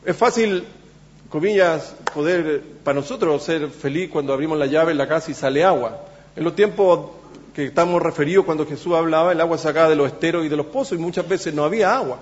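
A man preaching a sermon in a church, halting with many fillers and restarts, then pressing points with emphasis. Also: fairly high pitch. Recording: echoey church hall, dull sound.

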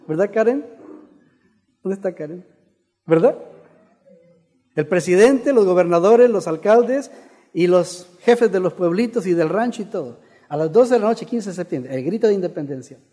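A man preaching a sermon in Spanish with a Mexican accent, telling jokes and reading scripture aloud with rising force. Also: high voice. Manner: animated, shouts in jokes, reads scripture loudly. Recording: long hall reverb.

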